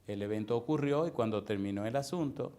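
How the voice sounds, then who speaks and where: Man, pastor, sermon, emphatic rhetorical questions, mid-pitched voice, church. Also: fairly quick. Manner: fires rhetorical questions at the congregation, loud and emphatic.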